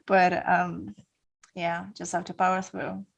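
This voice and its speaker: A woman's voice: on the low side, completely flat delivery, slow pace, gravelly, lo-fi sound. A woman hosting a podcast, asking questions with enthusiastic short reactions. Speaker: podcast host. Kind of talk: casual interview chat.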